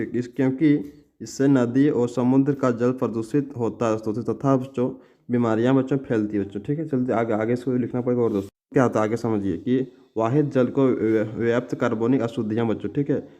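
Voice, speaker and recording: Fast-talking man teaching a class. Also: mid-range voice, fairly even intonation, mellow. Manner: fast, repetitive, calls listeners "friends" and "children"; says "okay" after nearly every sentence. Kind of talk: exam solution lesson.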